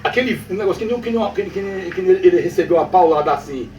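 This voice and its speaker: Speaking quickly in a high, slightly mellow voice, a man with a Northeastern Brazilian accent spins a ghost story for a listener. He comes from the Northeast backlands and tells it as a folk tale, repeating phrases and checking in often to make sure he's being followed. The recording is roomy, from a distant mic, with faint music and slight background noise.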